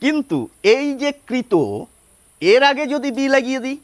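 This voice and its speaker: A man giving a spoken lesson on pronunciation, spelling words out slowly step by step and asking rhetorical questions. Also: very high-pitched, no room sound. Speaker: Bengali pronunciation teacher.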